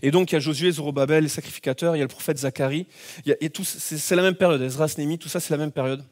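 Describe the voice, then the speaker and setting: Animated high-voiced male preacher. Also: rapid-fire. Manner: animated storytelling, acts out scenes with shouts. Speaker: pastor. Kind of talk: sermon.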